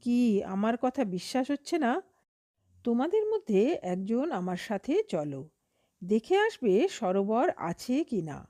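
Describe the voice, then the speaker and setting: A woman's voice: on the high side, very animated, takes it slowly, mellow, no room sound, clean studio sound, heavily acted. A woman voicing a sly, greedy male heron in a storybook tale, coaxing and wheedling. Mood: insistent. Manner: coaxing, later cruel and then pleading.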